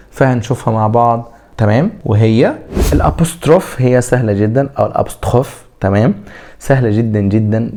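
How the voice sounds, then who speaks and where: A man with an Egyptian Arabic accent teaching a French pronunciation lesson, drawing out example words slowly and answering his own questions. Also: on the low side, vocal fry, a little mellow. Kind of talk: classroom lesson.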